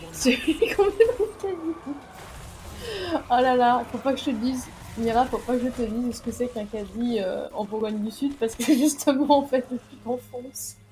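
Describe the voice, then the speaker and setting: A woman's voice: a little high, steady tone, normal speed, mellow. A young woman streaming a game, chatting casually, laughing often and reading chat messages aloud. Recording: faint game music behind.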